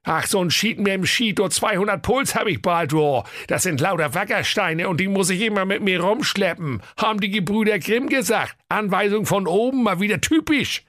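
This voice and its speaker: A man voices a sulky hunter for a comic storybook, moaning about his lot in a chatty, whiny way. The voice is pitched high and sounds bright and pinched. The recording is dry. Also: normal speed, hardly any pauses, no echo. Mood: grumbling. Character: sulky overworked male hunter, grumbling.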